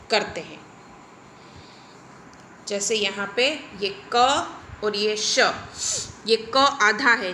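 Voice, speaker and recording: A woman's voice: on the high side, sharp tone, a little hiss or hum. A woman teacher giving a recorded grammar lesson, explaining step by step and checking in often. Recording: echoey room.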